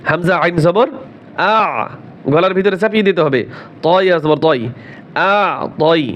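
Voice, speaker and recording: A man teaching Quran recitation, spelling words out letter by letter, quizzing learners, and chanting verses slowly and drawn out. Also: high-pitched, muffled recording. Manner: drills letter by letter, asks learners questions, slow drawn-out chanting.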